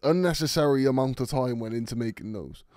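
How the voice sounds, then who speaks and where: A young man co-hosts a podcast, telling stories in a blunt, sweary way. His voice sits in a middle register with a soft, mellow tone. The sound is dry and close to the mic. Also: medium pitch, fairly quick, no room sound. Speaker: podcast co-host. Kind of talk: casual chat.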